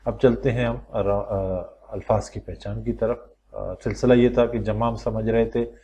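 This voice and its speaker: A male teacher with a low voice leads a recorded lesson. He walks through the material step by step and asks the class questions aloud. He slows down and draws out each word form when he lists examples. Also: level tone, warm tone. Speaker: Quran teacher.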